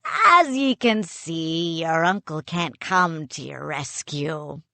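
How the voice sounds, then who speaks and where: A woman's voice: sits low, animated, slow, vocal fry, bright, forceful tone, no room sound, pitched below the performer's own voice, heavily acted. A woman voicing a sly, grinning male pirate captain with a taunting manner. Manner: mocking, taunting.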